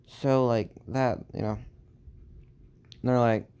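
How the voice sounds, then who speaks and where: A man's voice: medium pitch, steady tone, very slow, mellow, clear, resonant tone. A man improvising a fan story, rambling along with lots of filler words and restarts.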